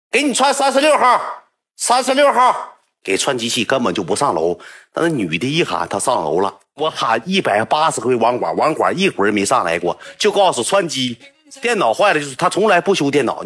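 A man with a Northeastern Mandarin accent telling a story casually to livestream viewers, chatty and animated. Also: mid-range voice, breathy edge.

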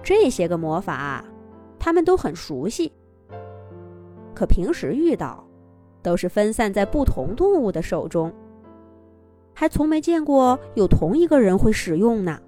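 Expressive woman narrating a children's fairy tale. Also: medium pitch, unhurried, pauses often, soft background music. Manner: expressive, dramatic storytelling. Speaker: children's storyteller.

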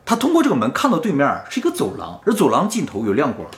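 A man's voice: medium pitch, fast talker, roomy sound. A man hosting a casual chat, telling a spooky story and acting out the quoted lines. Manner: animated, acts out quoted lines. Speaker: storyteller host.

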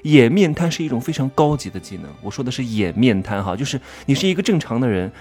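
A man giving an animated monologue lecture, firing rhetorical questions and stressing key words. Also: mid-range voice, fast talker, husky, soft background music. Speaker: commentator teaching expression.

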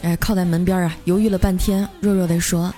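A woman, hosting and telling a comic story in a lively, chatty way. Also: fairly low pitch. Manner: lively, chatty, drawn-out particles. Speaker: radio story host. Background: faint music.

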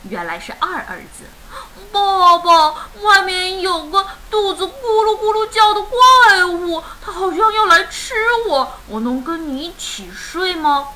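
A woman reading a children's picture book aloud in an expressive, animated storytelling way. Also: high-pitched, slight background noise, low-quality recording.

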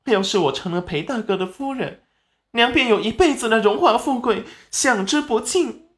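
A narrator voicing a scheming young village girl who whines and fakes tears in a high voice, in an audiobook. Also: expressive, moderate pace, close to an everyday voice. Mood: coaxing. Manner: high, coaxing, fake crying.

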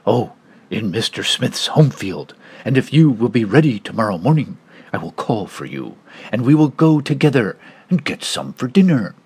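Man doing a low sly storybook wolf, hungry, husky voice, swinging pitch. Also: very animated, moderate pace, darkish tone, full character voice. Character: big bad male wolf, sly and hungry.

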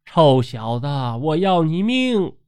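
A man's voice: fairly high pitch, very animated, takes it slowly, a little mellow, smooth, voice pushed up. A man voicing a young woman possessed by a soul-snatching demon, snarling threats in a storytelling narration. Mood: menacing.

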